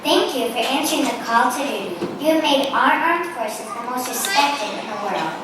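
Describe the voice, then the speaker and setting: A woman reading a formal ceremony script into a podium microphone, with measured announcing. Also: high voice, expressive. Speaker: ceremony reader. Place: large echoey school gym or hall. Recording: echoey, distant PA sound with background noise.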